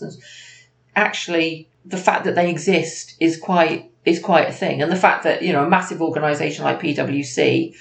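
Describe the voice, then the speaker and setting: A woman's voice: deep voice, vocal fry. A woman co-hosting a podcast in a casual, conversational business chat. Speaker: podcast co-host. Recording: echoey room, background noise.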